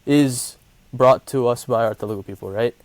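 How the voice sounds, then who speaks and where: A man's voice: mid-range voice, normal speed, dry recording. Earnest young American man, dry sound. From Columbus, Ohio, USA. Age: 20s. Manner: earnest, explains at length with many restarts. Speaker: co-host. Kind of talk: casual chat.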